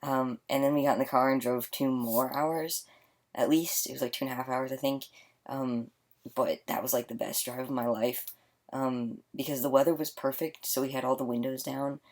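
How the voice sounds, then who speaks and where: A young man in his late teens, tired and mumbling quietly in a casual video diary recorded in a small attic closet. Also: medium pitch, steady tone, moderate pace. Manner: mumbling, quiet to avoid waking others. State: tired, yawning. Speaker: vlogger.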